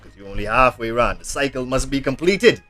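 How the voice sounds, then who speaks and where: A man giving casual, jokey reaction commentary, talking back to a song and now and then yelping into high voices. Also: a little fast, soft background music. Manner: animated, jokey, yelps into high put-on voices.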